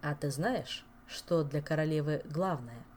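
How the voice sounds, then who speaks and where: A woman's voice: low-pitched, a little slow, a little mellow, a little hiss or hum. A woman voicing a weary, stern king who speaks curtly and grumbles. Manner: grumbling, curt.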